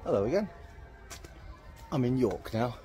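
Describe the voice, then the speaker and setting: A man's voice: medium pitch, very animated, unhurried, over loud music. Chatty wry man vlogging outdoors. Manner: chatty, wry and self-mocking. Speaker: touring musician vlogging. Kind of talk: casual travel vlog chat. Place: outdoors on walks and sightseeing.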